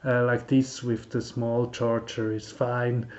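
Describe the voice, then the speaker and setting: A Swiss YouTube car tutorial host, a German speaker using English, talks casually to camera in a mid-pitched, flat, darkish voice. He's halting and informal, full of ums, restarts and non-native phrasing, and the lo-fi recording sounds dull.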